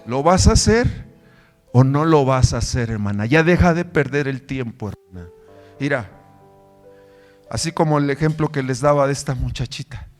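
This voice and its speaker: A man pastor preaching a sermon with fervent rhetorical questions, swinging between loud emphatic lines and quiet low ones. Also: expressive, moderate pace, faint music behind.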